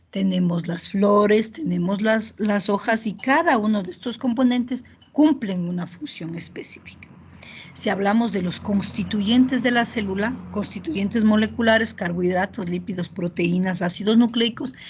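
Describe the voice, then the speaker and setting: Husky-voiced woman lecturing, checking understanding. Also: mid-range voice. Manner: checks in often with "¿ya?" and "¿verdad?"; steady explanatory pace with filler pauses. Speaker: university lecturer. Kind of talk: online biochemistry lecture.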